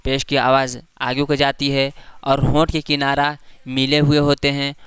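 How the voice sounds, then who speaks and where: Slow, patient man teaching letter sounds. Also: medium pitch, monotone, fairly bright tone, clear, resonant tone, no room sound. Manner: slow drawn-out letter recitation between explanations; patient, repetitive explaining. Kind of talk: Quran reading lesson.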